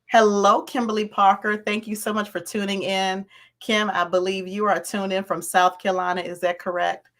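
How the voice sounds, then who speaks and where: A woman with a raspy voice hosting a live stream, greeting viewers by name and repeating her points. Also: mid-range voice, level tone, normal speed, fairly bright tone. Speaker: host of a livestream on landlord and tenant topics.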